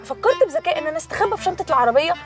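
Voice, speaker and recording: A woman's voice: very high voice, expressive, rapid-fire, distant mic, faint music behind. Wide-eyed naive young woman. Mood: naive scolding. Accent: Egyptian. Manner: innocent, scolding, wide-eyed. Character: naive sheltered young woman, childlike and earnest. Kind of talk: comedy series acting.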